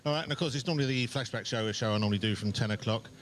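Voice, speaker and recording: A man hosting a live local radio show, chatty and brisk as he runs through plans. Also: mid-range voice, a little hiss or hum.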